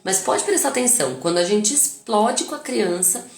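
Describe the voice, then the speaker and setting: A woman's voice: mid-range voice, moderate pace. Brazilian woman hosting a live talk, echoey. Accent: Brazilian Portuguese. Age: adult mother. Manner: animated, acts out quoted phrases, asks the audience questions. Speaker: live-stream host on parenting and emotions. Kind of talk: casual teaching talk to a live audience.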